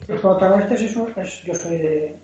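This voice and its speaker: A Spanish novelist, appearing as a guest, chats casually about history, rambling and often restarting or repeating words. His voice is high and warm, at a moderate pace. The sound is dull and lo-fi, recorded in an echoey room.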